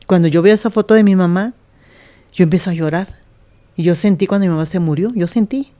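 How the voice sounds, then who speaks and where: Lady pastor telling her story, mellow lowish voice, earnest, acts out what people said. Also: a little fast. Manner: earnest, retells scenes by acting out quoted speech. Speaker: pastor, guest. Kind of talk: telling a personal life story in an interview.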